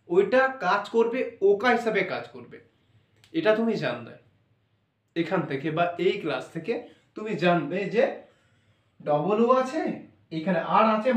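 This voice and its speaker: High-voiced man teaching in an echoey room. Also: distant mic. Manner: repeats points, checks in with "okay". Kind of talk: spoken English phonics lesson. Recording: roomy echo, voice off-mic.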